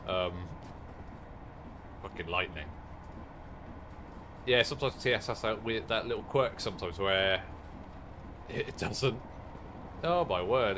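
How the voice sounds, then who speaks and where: Man streaming, lively, low-pitched. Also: noisy background. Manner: chatty, swears, self-mocking, talks to viewers. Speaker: game streamer. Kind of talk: casual live-stream commentary.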